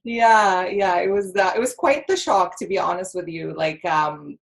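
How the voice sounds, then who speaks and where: A woman's voice: lowish voice, moderate pace, vocal fry. Bubbly Egyptian-born woman guest. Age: 30s. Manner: bubbly, laughs easily, many fillers. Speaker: podcast guest. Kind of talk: casual interview talk.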